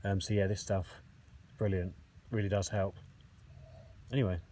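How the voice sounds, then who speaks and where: A man's voice: deep voice, normal speed, rough recording. Easygoing man fixing a van. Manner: relaxed, self-deprecating, thinks aloud with many ums. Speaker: DIY mechanic vlogger. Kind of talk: casual how-to commentary while working.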